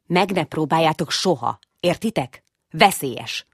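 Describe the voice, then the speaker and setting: A woman's voice: low voice, big pitch swings, slightly rough, no echo, studio quality, heavily acted. Woman doing a firm father mouse. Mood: fatherly. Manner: gentle, strict when warning.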